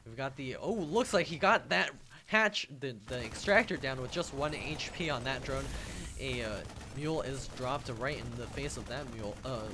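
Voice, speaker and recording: A man's voice: mid-range voice, moderate pace, noisy background. Chatty young man casting a strategy game. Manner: rambling, self-deprecating, chuckles often. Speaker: game caster. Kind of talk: live esports commentary.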